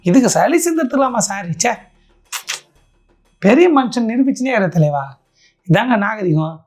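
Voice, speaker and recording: A satirical commentator, giving mocking reaction commentary in a sarcastic, theatrical way. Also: medium pitch.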